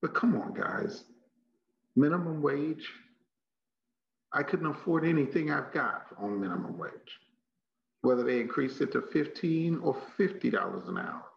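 Animated and unhurried, this Texan man's gravelly, medium-pitched voice pauses often as he delivers a motivational leadership training talk. His manner is emphatic and folksy, with phrases repeated for effect, and the room recording sounds muffled and echoey.

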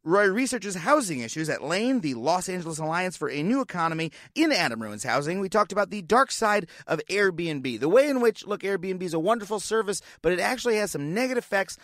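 Animated high-energy male podcast host. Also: dry recording, clean studio sound. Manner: animated, rapid, playful enthusiasm. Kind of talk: excitable podcast intro and interview.

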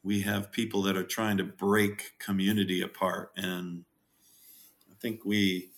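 A middle-aged man, a farm owner, chatting as a podcast guest in a jokey, animated way and acting out quotes. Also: a little slow. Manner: jokey, animated, acts out quotes with big pitch jumps. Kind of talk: casual interview chat.

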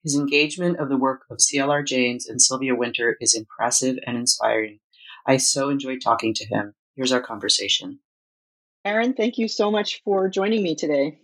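Female podcast host, soft breathy voice, reads the intro and then interviews an author. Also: extremely low pitch, normal speed, rough recording.

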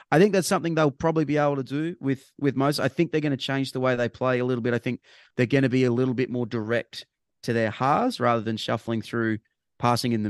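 On a casual sports chat podcast, an Australian co-host with a smooth, mid-range voice rambles, restarts his phrases, and throws in bursts of emphasis. The studio sound is clean with no echo.

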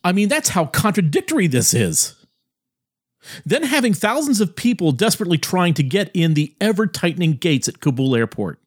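A male host delivering indignant, accusing opinion commentary, slowing down to hammer his points. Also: high-pitched, sing-song, husky. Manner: indignant, accusing, slows to punctuate.

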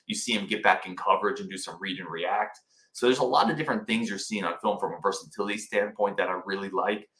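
A man's voice: on the low side, quick pace, pushed and bright. A man hosting a sports podcast from a cabin, talking casually and enthusiastically to his viewers. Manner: enthusiastic, informal. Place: indoors in a cabin. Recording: roomy indoor cabin echo.

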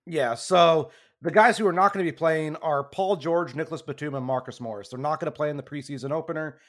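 Rambling male podcast host, slightly high. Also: brisk. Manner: rambling, conversational, self-correcting. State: losing his voice. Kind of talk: casual sports podcast chat.

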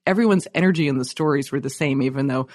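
A man speaking as an interview guest, a science journalist and author, telling stories in a lively, animated way and using "like" often. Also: medium pitch, fast. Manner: animated storyteller, many "like" fillers. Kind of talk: casual interview conversation.

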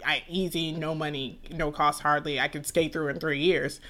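In this casual podcast conversation, the young Atlanta host speaks at a moderate pace in a low-pitched, steady voice that's fairly bright. She's a young adult from the USA whose rambling talk is peppered with restarts and laughter.

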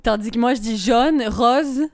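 Southern French woman guest, slightly higher voice, relaxed, patient explainer. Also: brisk. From southern France. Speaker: guest youtuber. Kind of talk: casual chat.

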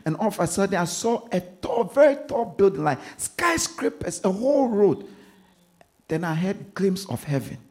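A man with a Ghanaian accent preaching a sermon as pastor, repeating phrases and swinging between hushed asides and loud emphasis. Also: sits high, big pitch swings, moderate pace.

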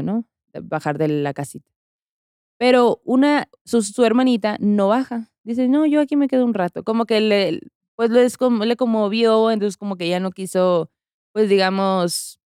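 A woman's voice: mid-range voice, a little mellow, smooth, no room sound, studio quality. A woman with a Mexican accent, a podcast host casually retelling a story with many fillers and slangy asides.

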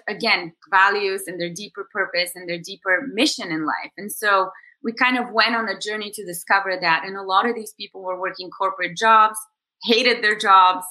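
In a podcast interview conversation with poor audio, a coach from Bulgaria in her thirties reflects on her story. She has a mid-range voice with a sharp tone and frequently uses fillers and restarts.

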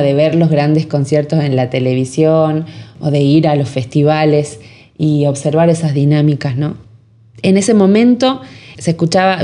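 Her voice sits low and warm: a woman musician from Jujuy with a northern Argentine accent. As an interview guest she answers thoughtfully, frequently pausing to find the right words.

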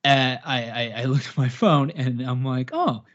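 A man in his late thirties rambles through casual podcast chat in a self-mocking, animated way, with a mid-range voice. The audio is dull and slightly lo-fi. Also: mid-range voice, moderate pace. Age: 30s. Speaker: podcast host.

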